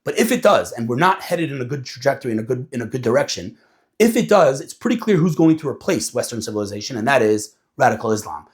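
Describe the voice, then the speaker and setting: A man talking casually to an audience, animated and acting out quoted voices as he explains. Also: mid-range voice, fast. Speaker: speaker.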